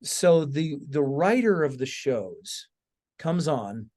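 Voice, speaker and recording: Taking it slowly, a man with a fairly high, slightly mellow voice and big pitch swings hosts a casual podcast. The host, also an author, tells stories with emphatic asides and often checks in with his listener.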